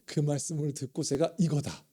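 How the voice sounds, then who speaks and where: Korean pastor preaching with emotive delivery. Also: male voice, fairly high pitch, animated, moderate pace, mellow. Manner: emotive, dramatizing quoted prayers with rising intensity. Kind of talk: sermon.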